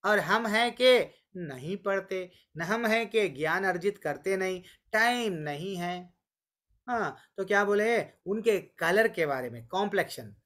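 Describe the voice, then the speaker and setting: A man teaching a scripture class online, telling stories and slowly chanting verses. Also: sits high, animated, a bit bright. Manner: storytelling, voices quotes of deities and sages. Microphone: online call.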